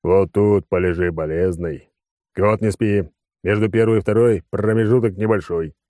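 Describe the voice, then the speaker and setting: A man's voice: lowish voice, fairly even intonation, normal speed, mellow, dry recording, clean studio sound, close to an everyday voice. A man voicing a crude, jolly male crewman who jokes and teases, in an audiobook. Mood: joking. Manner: brash, joking.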